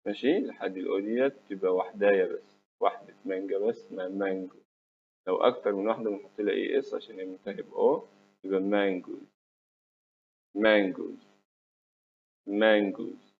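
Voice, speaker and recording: A man's voice: lowish voice, fairly even intonation, fast talker, vocal fry, pauses often. A man with an Egyptian Arabic accent, teaching English words to children, saying each word for them to repeat and praising them. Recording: tinny phone-like recording with faint hum.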